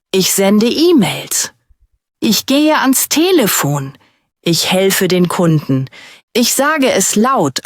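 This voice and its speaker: Slow, lively-pitched woman narrating a beginners' story. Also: no echo, studio quality. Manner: slow, clear, simple first-person sentences. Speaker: language teacher narrating a story.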